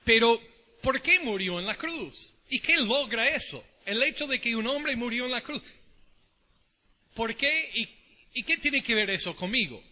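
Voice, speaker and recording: A middle-aged American man with an Ecuadorian Spanish tint preaches a sermon in a church. His voice sits high and rings very bright, and he keeps asking the congregation questions. A long church reverb trails after his words. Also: animated, measured pace. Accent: American with Ecuadorian Spanish mix. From United States. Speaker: visiting preacher.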